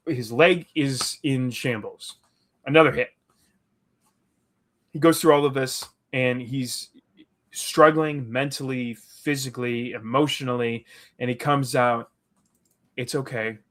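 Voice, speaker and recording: Slow and a bit bright, a podcast co-host's medium-pitched voice keeps fairly even intonation as he talks casually through a recap. He rambles with restarts and acts out quotes along the way.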